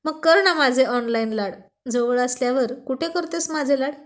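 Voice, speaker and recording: A woman's voice: high voice, normal speed, close to an everyday voice. A woman doing a teasing young husband. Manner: teasing, mock-scolding.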